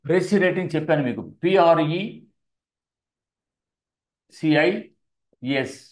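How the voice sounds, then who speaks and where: An older man with an Indian English accent teaches an exam-prep English class in a fairly high voice. He spells words letter by letter and repeats them slowly for pronunciation drill. The room gives his voice a clear echo.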